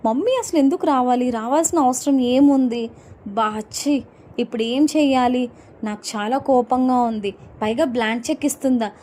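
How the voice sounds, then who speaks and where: Woman putting on an indignant young wife, defensive, rapid questions, mellow voice, a bit high. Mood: angry.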